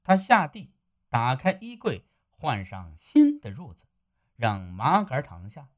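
Slow, low-voiced woman storyteller. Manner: expressive, dramatic storytelling. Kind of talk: story narration.

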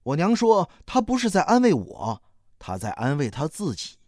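A storyteller narrating a novel in an expressive, slow and dramatic manner. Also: medium pitch, no room sound, studio quality.

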